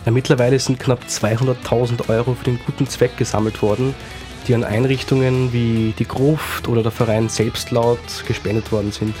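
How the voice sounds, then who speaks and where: A man co-hosting a radio city magazine, speaking in an even, measured way. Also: mid-range voice, over music. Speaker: radio magazine co-host and reporter. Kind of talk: radio hosting, partly scripted.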